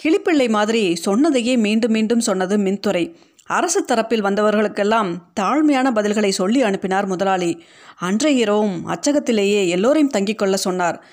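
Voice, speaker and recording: A woman narrating a short story in an audiobook, reading in a steady, measured way. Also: mid-range voice.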